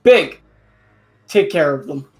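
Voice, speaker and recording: A man's voice: a little high, animated, takes it slowly. Man putting on a smug mustache-twirling villain. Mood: cold command. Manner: mustache-twirling villain, taunting with formal flourishes.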